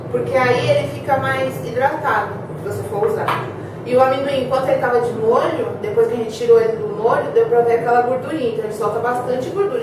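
Woman, cooking show host, casual demo, fairly high voice, chatty, echoey kitchen. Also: background noise. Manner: chatty, talks to viewers and gives her helper asides. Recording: echoey room, mic far off.

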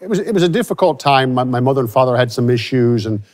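He talks fast and expressively at a medium pitch. The speaker, a forties-aged country singer from Louisiana, sits for an interview in a studio with a starry backdrop, miked with a lapel mic, musing reflectively and frequently starting sentences over.

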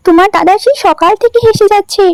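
A woman doing a very high-voiced flustered housewife. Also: fast, a little mellow, dry recording, studio quality. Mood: worried. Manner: exclaiming, scolding. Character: flustered village housewife, bossy with her brother-in-law.

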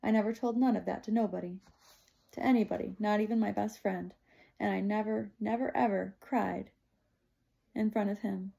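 A woman reading a novel aloud in steady first-person narration. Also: medium pitch, moderate pace, vocal fry, dull audio. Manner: steady, plain storytelling. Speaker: audiobook reader.

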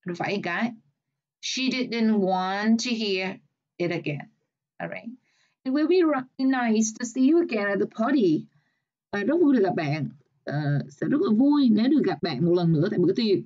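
A woman teacher with a Vietnamese accent goes through English exam answers one by one. She reads the example sentences slowly and explains each step. Her voice sits at a middle pitch, and the recording sounds slightly dull. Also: mellow. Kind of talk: exam review lesson.

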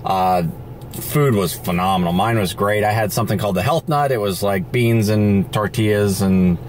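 Walking and driving around a town, a middle-aged man narrates a casual travel vlog about his RV trip, speaking cheerfully and directly to a handheld camera at arm's length. His pitch is fairly low and a little mellow, his pace moderate. Outdoor and car noise fill the recording.

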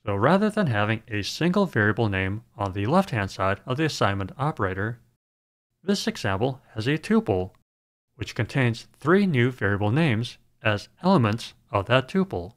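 A man narrating a scripted programming screencast in a calm, measured way. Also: medium pitch.

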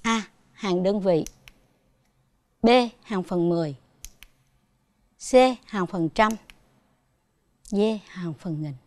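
A woman's voice: on the low side, slow pace, long pauses, no echo. A woman with a Southern Vietnamese accent teaching a televised primary school math lesson, patiently asking her pupils questions as she goes.

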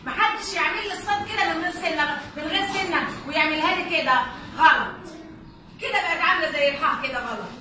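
High-voiced Egyptian woman teaching, echoey room. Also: quick pace. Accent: Egyptian Arabic. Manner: patient, repeats and checks understanding. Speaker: Arabic reading teacher. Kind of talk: online lesson for children. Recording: very echoey room, distant mic, noisy.

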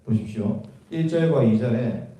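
A man's voice: mid-range voice, lively intonation, moderate pace, warm tone. A man teaching a Bible class, asking students questions and explaining the verses. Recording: echoey room from far off.

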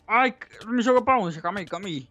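A man's voice: sits high, quick pace. A man with a Brazilian Portuguese accent playing alongside the host in casual gameplay chat, flustered and nervous. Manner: flustered, keeps repeating "calma". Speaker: co-player.

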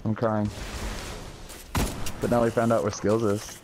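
A man's voice: on the low side, flat delivery, measured pace, noisy background. A young man in casual gaming chat, laid-back and teasing his friends. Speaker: gamer.

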